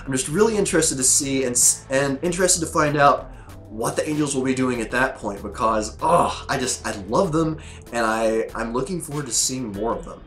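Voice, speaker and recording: With a scratchy sore throat and his voice giving out, a male host rambles loosely to camera while reviewing episodes. He's chatty, full of fillers and restarts, and speaks at medium pitch with a slightly bright tone.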